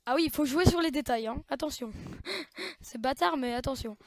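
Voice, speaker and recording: A woman's voice: high-pitched, moderate pace, dry recording. A woman hosting a casual home-made news show, chatty with frequent restarts. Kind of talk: casual improvised show talk.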